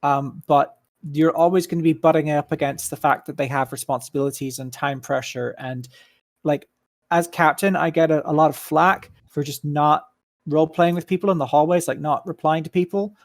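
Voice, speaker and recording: A man's voice: fairly high pitch, steady tone, no room sound. Man explaining things at length. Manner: measured, explanatory, frequent ums. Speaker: staff member at a community meeting. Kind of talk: casual voice chat.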